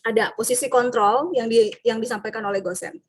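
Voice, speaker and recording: A woman teacher from Indonesia, giving a lively workshop talk to fellow teachers and acting out student and teacher voices. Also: on the high side, a little fast, breathy edge. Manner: frequent tag questions.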